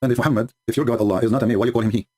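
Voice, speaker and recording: A man's voice: mid-range voice, steady tone, rapid-fire, a little mellow. A man whose first language is not English, hosting a livestream and mocking his opponents sarcastically, with frequent laughs and broken English. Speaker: host.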